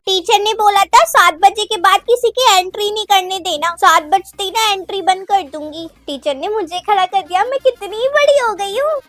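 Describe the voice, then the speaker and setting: A woman's voice: very high-pitched, moderate pace, hardly any pauses, fairly bright tone, faint music behind. A woman performing a whiny, pleading girl in a comedy sketch. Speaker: sketch performer playing a girl guarding the gate.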